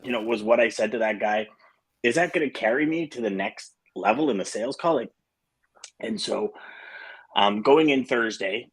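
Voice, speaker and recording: A man's voice: mid-range voice, normal speed, breathy edge. A middle-aged man hosting a casual morning show, talking in a rambling way with restarts and fillers. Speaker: host.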